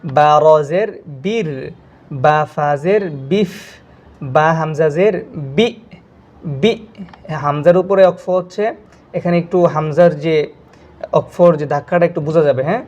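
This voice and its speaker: A man leads a Quran reading lesson, drawing out each letter pair and its sound slowly and clearly. Between drills he speeds up to explain the rules to his students. His voice sits a little higher than most men's. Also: darkish tone, highs cut off. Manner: slow syllable drills, then quick explaining asides. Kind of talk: spelling-out recitation lesson.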